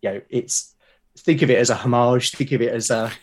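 This British podcast guest keeps a brisk, steady pace and a mid-range, somewhat mellow voice. Chatting casually in the interview, he is eager but unsure, frequently circling back over his words.

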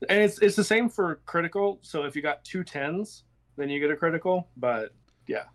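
A man's voice: fairly high pitch, lively intonation, moderate pace. A man narrating a tabletop role-playing game as game master, talking casually with players.

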